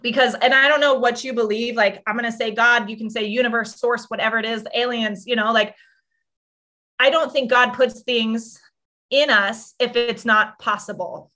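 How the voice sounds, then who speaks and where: A woman's voice: fairly high pitch, steady tone, moderate pace, sharp tone. A woman business and mindset coach giving a casual motivational talk, chatty and effusive, full of "like" and swearing.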